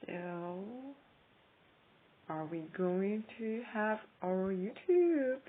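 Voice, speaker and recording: Over tinny audio, a woman from Ukraine whose first language isn't English narrates a casual screen recording for her vlog. Her medium-pitched voice is expressive, but her delivery is slow and halting, broken by frequent pauses.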